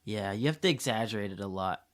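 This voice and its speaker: A man co-hosting a casual podcast, an English teacher who tells classroom stories with lively acted-out dialogue. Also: on the low side, fast talker. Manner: animated storyteller, acts out dialogue.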